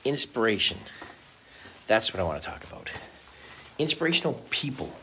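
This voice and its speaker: Late at night in a hotel room, a weary vlogger in his fifties speaks earnestly to the camera on the table at arm's length. His lowish voice has a sing-song lilt, a moderate pace and a sharp edge. The room sounds roomy, there's slight background noise, and he often starts sentences over in a reflective way.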